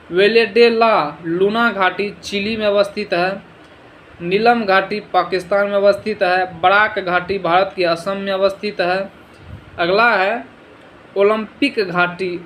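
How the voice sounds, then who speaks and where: A man's voice: sits high, fairly bright tone, a little hiss or hum, low-quality recording. A man teaching an exam revision lesson, asking short quiz questions and answering them himself, sometimes stumbling over foreign place names.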